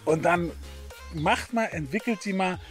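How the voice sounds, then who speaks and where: Chatty middle-aged man, soft music behind. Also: high-pitched, a little slow. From Berlin, Germany. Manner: chatty, hesitant, many fillers. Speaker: photography channel host. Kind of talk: casual talk to camera.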